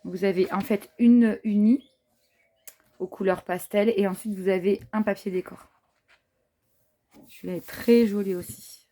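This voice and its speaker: Warm and steady in tone, with a medium pitch, an unhurried pace and frequent pauses, a French woman shows viewers her craft papers. Her casual craft haul chat is full of fillers and admiring asides.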